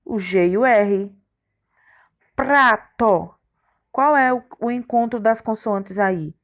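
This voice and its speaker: A woman's voice: medium pitch, measured pace. A woman teacher, giving a recorded grammar lesson to young children and spelling out letters and syllables one by one. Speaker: primary school teacher.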